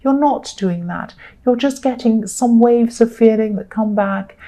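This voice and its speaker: A woman giving a solo tarot reading, talking gently and reassuringly with many ums. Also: fairly high pitch, unhurried. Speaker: tarot reader.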